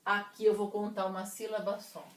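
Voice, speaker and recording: A woman's voice: medium pitch, level tone. Patient woman teacher, echoey room. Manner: slow, deliberate counting and explaining step by step. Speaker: literature teacher. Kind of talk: classroom lesson on poetic meter.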